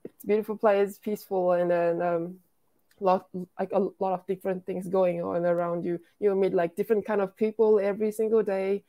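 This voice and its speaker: A woman's voice: mid-range voice, fairly even intonation, a little fast, dark tone. A woman, a programmer and founder, talking casually as an interview guest, with lots of restarts and "like". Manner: chatty, frequent "like" and restarts.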